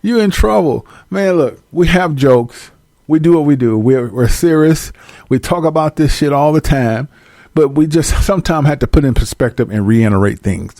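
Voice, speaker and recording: A man hosting a show, delivering a loud, slangy comedic rant with frequent laughter. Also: fairly high pitch, expressive, normal speed, no room sound, clean studio sound. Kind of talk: stand-up style comedic rant.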